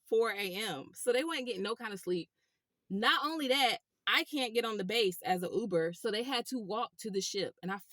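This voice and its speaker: A woman telling a rideshare story to her viewers in a casual, animated way. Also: mid-range voice, dry recording, studio quality. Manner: animated, chatty, addresses viewers as y'all. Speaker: rideshare driver vlogger.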